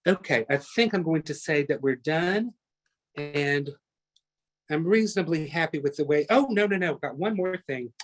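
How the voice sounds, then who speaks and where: A man's voice: on the high side, lively intonation, normal speed. Chatty man teaching a painting class. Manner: chatty, talks through each step, self-correcting. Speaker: painting instructor. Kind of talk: live online painting class demonstration.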